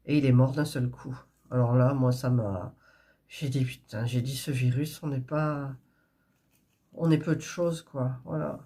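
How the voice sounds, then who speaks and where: Chatty woman, husky and stuffy. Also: rumbling low, fairly even intonation, a little slow, mellow. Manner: chatty, rambling, with frequent fillers and restarts. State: stuffy nose. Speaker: cross-stitch crafter vlogger. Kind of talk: casual chat while prepping thread.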